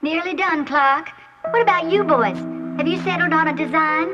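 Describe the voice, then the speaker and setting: An actress playing a caring older farm mother in a 1980s audio drama, speaking in a soft, nurturing way. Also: high-pitched, normal speed, natural voice. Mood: fond. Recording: dull cassette sound with music.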